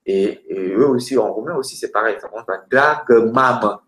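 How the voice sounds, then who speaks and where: A man teaching grammar through lists of words, hesitating often and slowing down for each example. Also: mid-range voice, fairly bright tone. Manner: hesitant, many filler sounds, slows down for example words. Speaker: language teacher. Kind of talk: explaining grammar with word lists. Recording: roomy echoey room.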